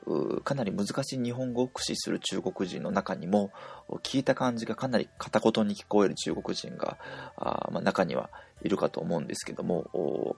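A Japanese man teaching pronunciation in an audio language lesson, explaining patiently and pausing to demonstrate sounds. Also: on the low side, creaky, a little mellow, husky.

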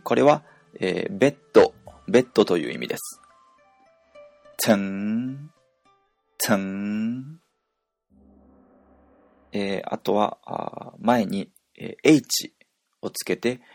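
A man teaching a pronunciation lesson, explaining slowly with many hesitation fillers. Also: lowish voice, lively intonation, creaky, a little mellow, dry recording, faint music behind. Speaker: language teacher.

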